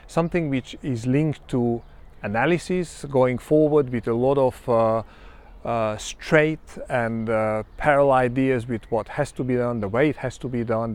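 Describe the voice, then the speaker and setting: A man in his fifties with a Hungarian accent, giving a measured, reflective self-introduction with frequent pauses. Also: mid-range voice, darkish tone. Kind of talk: personal self-introduction monologue.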